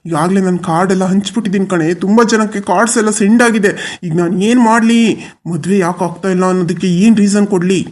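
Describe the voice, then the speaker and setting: An actor voicing a weary, resigned middle-aged father in a cartoon, who talks slowly and consoles his wife. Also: mid-range voice, a little mellow, close to an everyday voice. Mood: exasperated. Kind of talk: cartoon voice acting.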